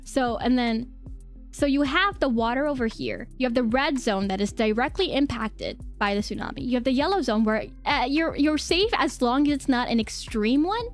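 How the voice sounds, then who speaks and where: A woman's voice: high-pitched, normal speed, soft background music. A woman hosting a livestream, explaining things casually to viewers in an informal, giggly way and often repeating her phrases. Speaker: livestream host.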